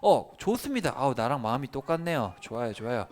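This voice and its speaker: A man's voice: medium pitch, big pitch swings, fast, close to an everyday voice. A man voicing a devout, agreeable king who eagerly agrees, in a children's Bible lesson.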